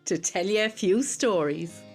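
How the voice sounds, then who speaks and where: A woman's voice: mid-range voice, measured pace. Irish woman storyteller from Cork, faint music. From Ireland. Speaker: storyteller, co-host. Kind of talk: Irish storyteller greeting an audience.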